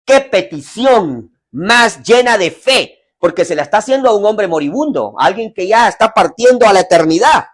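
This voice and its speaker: High-voiced preacher with dramatic swings. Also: male voice, lively intonation, normal speed, hardly any pauses. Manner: dynamic preaching, swells loud then drops to near whisper; addresses online listeners directly. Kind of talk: evangelistic sermon. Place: family home.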